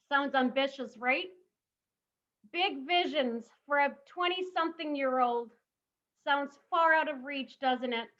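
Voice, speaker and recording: A woman's voice: high-pitched, muffled recording. A woman in her thirties giving a motivational summit talk, emphatic and full of rhetorical questions. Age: 30s. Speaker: summit speaker.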